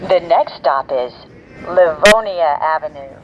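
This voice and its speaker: A man's pre-recorded train announcements, built from spliced-together words in measured, clipped phrases, playing over a subway car speaker. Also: highs cut off. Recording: onboard loudspeaker with rumbling train noise. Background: subway train rumble.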